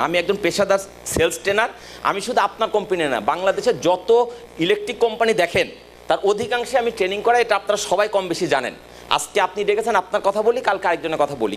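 A man with a high voice gives a sales training talk to staff. He speaks emphatically and directly, often asking if his point is clear. Faint noise sits behind him. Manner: emphatic, direct, repeatedly checks the audience understands.

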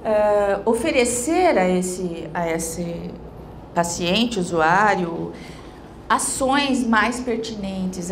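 A woman's voice: mid-range voice, slight background noise. A middle-aged woman giving a conference lecture into a handheld mic in a large hall, explaining step by step and checking in with tag questions.

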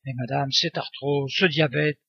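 Guy voicing a pushy insistent negotiator, high bright voice, muffled dry audio. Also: fairly even intonation, a little slow, breathy edge, no echo, heavily acted. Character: pushy male end-of-life negotiator.

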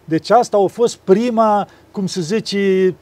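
High-voiced gentle monk, dry sound. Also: male voice, no echo. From Romania. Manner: gentle storytelling, acts out dialogues. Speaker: monk and abbot. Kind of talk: spiritual conversation.

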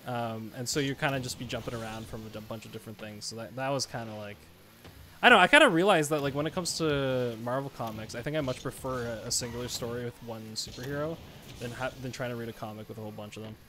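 A man's voice: mid-range voice, quick pace, bright, forceful tone, a little hiss or hum. A young man streaming a game, talking casually in a rambling, conversational way. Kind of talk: casual livestream chat. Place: small indoor room at home.

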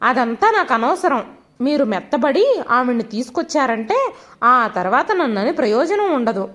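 Storybook nagging wife, high and animated, read by a woman. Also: normal speed, heavily acted. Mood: scolding. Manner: nagging, sarcastic, loud. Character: quarrelsome middle-aged wife, sharp-tongued.

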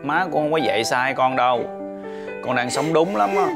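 A gravelly, fairly high male voice of a calm grown son, quiet and steady. Piano score plays behind him. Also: normal speed. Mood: pleading. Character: calm young man defending himself to mother. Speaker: adult son. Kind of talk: TV family drama acting.

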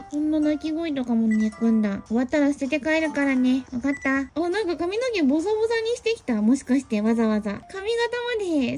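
A young woman giving casual let's-play commentary, playful and teasing and quick to laugh. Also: high voice, mellow. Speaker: game commentator.

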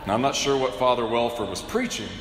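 Bishop preaching in an echoing cathedral. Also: male voice, mid-range voice, very noisy. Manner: measured, with wry humor and rhetorical questions. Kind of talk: sermon. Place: large cathedral, indoors. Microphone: pulpit microphone. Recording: echoey cathedral with long reverb.

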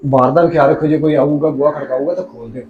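A man's voice: fairly high pitch, steady tone, racing, roomy sound, phone-quality sound, faint music behind, close to an everyday voice. A man playing an easygoing husband who chats casually with his wife before a trip to town. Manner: casual and friendly.

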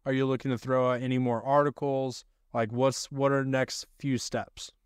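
A man's voice: mid-range voice, level tone, normal speed, clear, resonant tone, dry recording. A young man hosting a casual video-call podcast interview, asking loose, filler-heavy questions from his home studio. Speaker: podcast host. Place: home studio room with desk. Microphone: studio mic on boom arm.

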